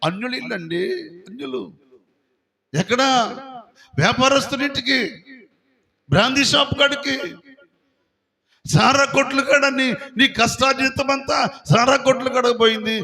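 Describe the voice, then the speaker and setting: A man's voice: extremely high pitch, normal speed, vocal fry, pauses often, sharp tone. A male pastor preaching a sermon, repeatedly putting questions to his congregation.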